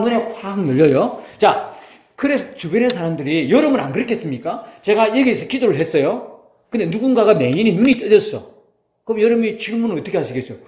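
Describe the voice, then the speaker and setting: Lively high-voiced pastor preaching in a roomy church. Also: male voice. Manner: lively, talks with the congregation, acts out quotes. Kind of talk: sermon. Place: church sanctuary.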